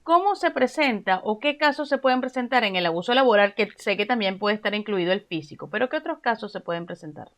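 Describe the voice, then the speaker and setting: A woman's voice: mid-range voice, expressive, quick pace, hardly any pauses. A woman from Venezuela hosting an interview, asking long conversational questions. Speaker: interview host.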